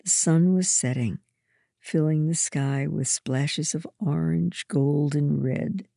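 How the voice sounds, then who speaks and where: A woman reading a first-person story aloud in a gentle, measured way. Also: sits low, gravelly, dry recording, clean studio sound. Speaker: narrator.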